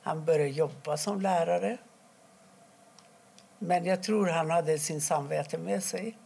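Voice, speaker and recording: A middle-aged woman from Iran, telling her own story in an interview, quietly and haltingly, with many pauses. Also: fairly low pitch, gravelly, breathy edge. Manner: halting, quiet and emotional, pausing often. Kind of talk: personal testimony interview.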